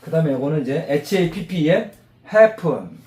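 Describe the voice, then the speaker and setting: Animated man teaching vocabulary in class. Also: fairly high pitch, a little fast. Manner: animated, quizzes the class, drills repetition. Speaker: pharmacist teaching English vocabulary. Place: classroom with a group of mothers. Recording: roomy classroom echo.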